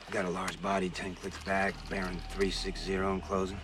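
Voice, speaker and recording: A man's voice: deep voice, level tone, a little fast, background noise, natural voice. An actor playing a laconic male soldier in a war film, reporting in clipped, understated military terms. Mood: matter-of-fact. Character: laconic male soldier tracking enemies on a laptop. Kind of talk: film dialogue. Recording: loud film soundtrack behind.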